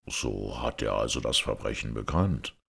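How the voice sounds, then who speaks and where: Man reading a deep, stern caliph. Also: vocal fry, a bit bright, husky, full character voice. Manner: low, measured and stern. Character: stern, just male caliph, grave authority.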